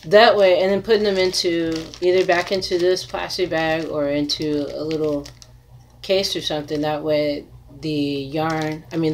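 A woman in her thirties chatting casually to camera in an unhurried, rambling way, as an artist showing her handmade crafts. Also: low voice. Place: small cluttered room indoors. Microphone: device mic at arm's length. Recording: noisy home webcam recording.

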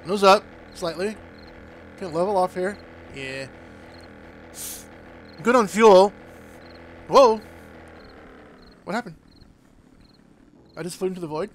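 A man chatting casually as he plays, excitable and quick to break into panicked yelps. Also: sits high, slight background noise. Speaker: gaming streamer. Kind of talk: casual gameplay commentary.

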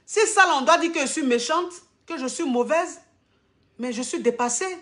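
A woman influencer speaks straight to her followers in a live video, her voice sitting a little high. She is indignant and emphatic, driving each point home by saying it again and again. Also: normal speed. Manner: emphatic, repeats phrases for stress. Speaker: social media influencer.

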